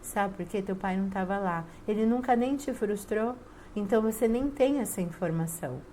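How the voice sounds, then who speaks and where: A woman's voice: medium pitch, normal speed, mellow, a little hiss or hum. A woman with a Brazilian Portuguese accent, giving a spiritual talk and telling personal stories emphatically, acting out quoted dialogue. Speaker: spiritual family-systems teacher. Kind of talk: casual spiritual talk to viewers.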